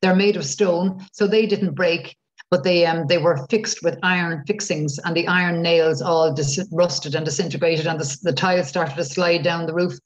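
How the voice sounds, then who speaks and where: A woman's voice: lowish voice, fairly even intonation, normal speed. A middle-aged Irish woman gives an informal guided-tour talk, chatty and rambling with hesitations, over a video call. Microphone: computer mic on video call. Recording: muffled video-call audio.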